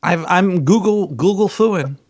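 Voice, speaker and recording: A high-pitched man speaking at an unhurried pace hosts a casual call-in radio show. He jokes and trash-talks, sounding distracted as he searches for things online.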